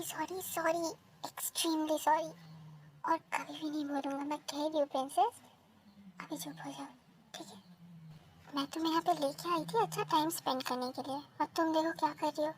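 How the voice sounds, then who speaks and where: Girl doing a sweet sorry boyfriend, quiet n pleading, high voice, lil background noise. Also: steady tone, moderate pace. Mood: coaxing. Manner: soft, hushed and pleading. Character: gentle male lover, coaxing and apologetic. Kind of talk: romantic fan audio drama.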